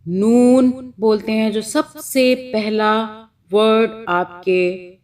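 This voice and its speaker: A woman's voice: medium pitch, steady tone, very slow, darkish tone. A woman with a Pakistani Urdu accent teaching Quran reading online, patiently repeating each sound.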